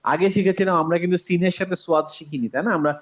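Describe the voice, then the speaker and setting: A man teaching a pronunciation class over a video call, patiently repeating sounds slowly to demonstrate. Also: high voice, highs cut off. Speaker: Quran recitation teacher.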